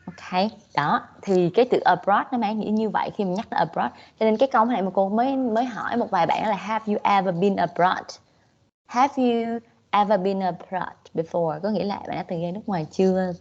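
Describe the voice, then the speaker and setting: A woman's voice: mid-range voice, brisk, darkish tone, lo-fi sound. Southern Vietnamese woman teaching English. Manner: switches between English and Vietnamese, frequent "okay"s. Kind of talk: online class teaching.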